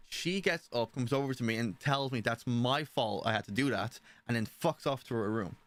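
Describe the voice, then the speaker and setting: A man's voice: medium pitch, a bit bright, no room sound. A young man telling a personal story in a casual, rambling way, often swearing and asking "you know what I mean". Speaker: stream participant.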